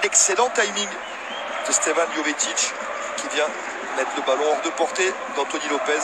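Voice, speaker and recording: A man's voice: on the high side, normal speed. A man analysing football replays live, explaining and repeating his points for emphasis. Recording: loud stadium crowd noise behind. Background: football crowd.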